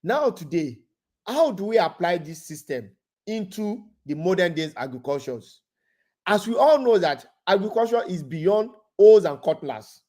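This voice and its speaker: Give me a man lecturing over a video call, halting and repeating himself. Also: high voice, very animated, dark tone. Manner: halting, repeats words while restarting. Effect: remote speaker on a video call. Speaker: guest presenter. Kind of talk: webinar lecture.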